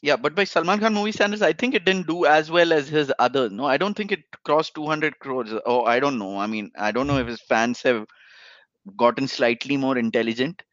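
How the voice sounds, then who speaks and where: A man's voice: mid-range voice, a little fast, fairly bright tone, no echo, dull audio. An Indian-accented man in an argumentative, emphatic film discussion, casually switching between English and Hindi. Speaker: podcast panelist.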